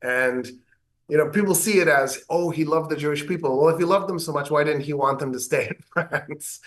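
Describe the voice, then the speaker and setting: An American man, a government professor, explaining history in an interview with animated delivery and wry asides. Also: mid-range voice.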